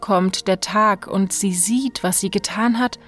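A frightened young girl presses her beloved to flee at once, as a woman reading the tale voices her. She speaks slowly, at a middling pitch, close to the reader's own voice. Faint music sits underneath. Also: fairly bright tone, natural voice. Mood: urgent.

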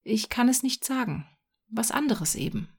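A woman voicing a stubborn, sad nine-year-old boy in a storybook reading, speaking softly and often in a whisper. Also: a little high, lively intonation, normal speed, gravelly, husky, voice pushed up, full character voice. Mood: proud.

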